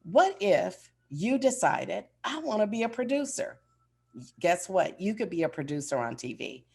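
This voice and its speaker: This woman's mid-range voice is sing-song and a little mellow, with vocal fry and a breathy edge, at normal speed. She gives a motivational business keynote full of polished corporate enthusiasm, speaking emphatically and straight to her audience.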